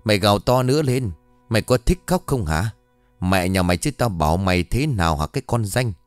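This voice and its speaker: A man voicing a cruel, foul-mouthed middle-aged rural father who yells coarse insults rapidly. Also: lowish voice, big pitch swings, dry recording, faint music behind. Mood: raging. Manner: coarse cursing and yelling, rapid.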